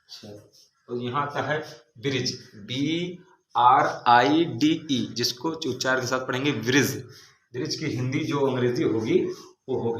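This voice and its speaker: A man's voice: medium pitch, fairly bright tone. Man spelling out words in an echoey classroom. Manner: spells words letter by letter, then repeats the meaning with "ठीक है". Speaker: English teacher. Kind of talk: classroom vocabulary lesson. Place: large classroom. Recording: echoey room, faint background noise.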